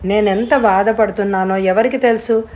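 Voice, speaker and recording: A woman's voice: moderate pace, darkish tone, a little hiss or hum, lightly acted. A woman voicing a spoiled, petulant young woman in an audiobook story, speaking in a snappish, raised voice. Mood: irritable. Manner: snappish, raised and higher than her narration.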